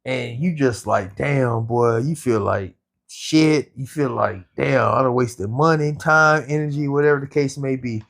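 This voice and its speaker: A man co-hosting a podcast in casual chat, telling stories with lively sound effects. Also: mid-range voice, a little slow, creaky. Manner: animated storytelling with sound effects. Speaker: podcast co-host.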